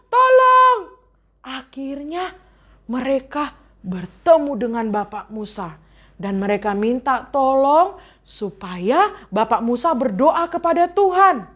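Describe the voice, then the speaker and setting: Lady sunday school teacher, high voice, talks slow, hams it up for the kids. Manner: animated, exaggerated voices and exclamations for kids. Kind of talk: storytelling Bible lesson for children. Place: church online children's service.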